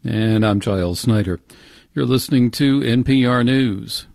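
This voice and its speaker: A man's voice: medium pitch, measured pace, creaky, darkish tone, dry recording. An American man reading a scripted radio newscast as the anchor, close on a studio microphone. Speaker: news anchor. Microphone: close studio microphone, dry.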